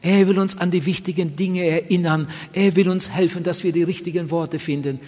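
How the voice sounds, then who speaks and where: A man's voice: sits high, steady tone, a little fast, darkish tone. A man preaching a sermon in an earnest, emphatic way, with a long hall reverb on his voice.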